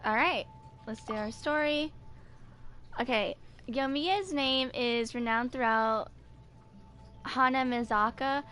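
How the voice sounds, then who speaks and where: With faint music behind her, a woman video creator in her twenties reads aloud and chats for a fan video, going slowly and pausing often. Her high voice sounds pushed and bright. The home recording has slight background noise.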